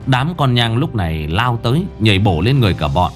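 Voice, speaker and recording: Man, dramatic ghost story narration, animated pitch, faint music. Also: brisk.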